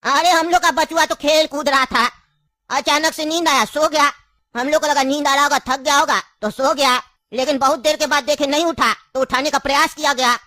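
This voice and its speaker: A scheming old grandfather who coaxes and insists, voiced by a woman with a high, bright tone. The sound is close and dry, and the delivery has a comic, laughing edge. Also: steady tone, moderate pace, no echo. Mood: recounting. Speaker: comic skit actor. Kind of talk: comedy skit acting.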